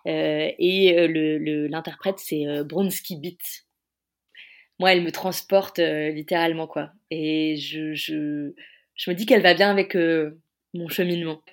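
Lower-voiced Frenchwoman in a hesitant interview. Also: fairly even intonation, measured pace. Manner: hesitant, searching for words. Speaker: interviewed author. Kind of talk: casual interview conversation.

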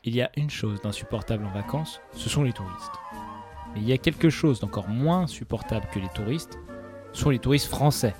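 Un homme qui co-anime un podcast humoristique, s'adressant aux auditeurs avec un sérieux feint. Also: male voice, mid-range voice, expressive, brisk, over music. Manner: addresses listeners with mock seriousness. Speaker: podcast co-host. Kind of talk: comic sketch.

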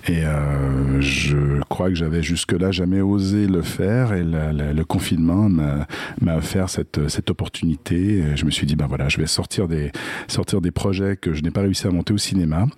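A man from Quebec with a Québécois accent talks in a casual interview, his voice very deep and husky. He stumbles often, repeating words and filling pauses. The sound is dry and close. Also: a little mellow, no room sound. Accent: Québécois French. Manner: halting, many repeated words and fillers. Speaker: comic book scriptwriter, filmmaker.

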